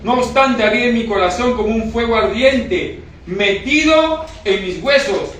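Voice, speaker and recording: A man's voice: very high-pitched, animated, a little slow, a bit bright. A male preacher delivering an emotional sermon, repeating phrases and asking the congregation questions. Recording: echoey room, recorded from far off, faint noise.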